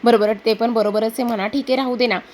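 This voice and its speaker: A woman voicing a bossy, irritable middle-aged woman who scolds her servants in a sharp tone. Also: a little high, fairly even intonation, fast, slight background noise, lightly acted. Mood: grumbling.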